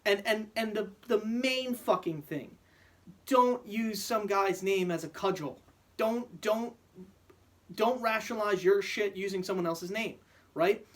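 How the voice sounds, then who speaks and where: A man's voice: high-pitched, a little slow. A man venting in a profane, heated vlog rant, often stammering and restarting his sentences. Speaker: vlogger. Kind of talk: angry rant to camera.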